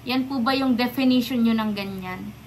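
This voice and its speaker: A young Filipino woman vlogs directly to the camera in a rant, firing off indignant rhetorical questions yet staying polite and defiant. Her voice sits on the high side at a normal pace, with slight background noise.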